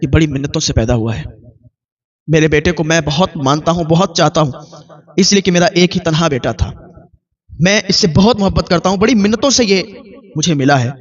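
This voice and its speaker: A man's voice: high voice, recorded from a distance, close to an everyday voice. A preacher voicing a grieving, angry father. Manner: impassioned, emphatic. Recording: dull lo-fi recording.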